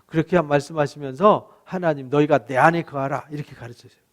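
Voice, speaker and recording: Pleading high-voiced male pastor. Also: quick pace. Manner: pleading, conversational preaching with frequent "eo" fillers; dramatizes God's voice with rising emphatic pitch. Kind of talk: Bible exposition sermon.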